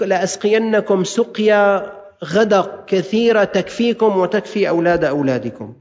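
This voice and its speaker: A man with a high voice and a Levantine Arabic accent preaches a sermon. He exhorts his listeners and moves between solemn classical recitation and plain colloquial asides. The recording sounds dull and lo-fi, with a long reverb from a large hall. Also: darkish tone.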